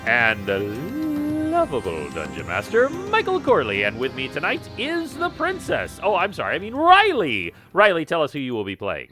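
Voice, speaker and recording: A man's voice: a little high, huge pitch swings, moderate pace, hardly any pauses, over music. A middle-aged man hosting a tabletop game podcast, joking and announcing theatrically as dungeon master. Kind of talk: playful show introduction and banter.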